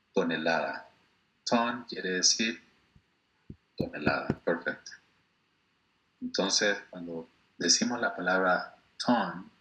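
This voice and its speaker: Slow, patient male English teacher. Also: low-pitched, pushed and bright, lo-fi sound. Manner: slow, patient, repeats words for drilling. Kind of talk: classroom language lesson.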